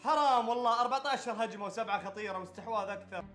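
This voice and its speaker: A man giving live commentary on a football video game, ranting and shouting in exasperation. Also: sits high, rapid-fire, faint music behind. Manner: loud, exasperated ranting with frequent shouts and curses.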